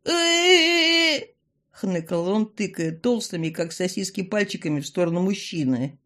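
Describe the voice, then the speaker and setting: A woman narrating a first-person fantasy audiobook in a wry, expressive way. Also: on the low side, moderate pace.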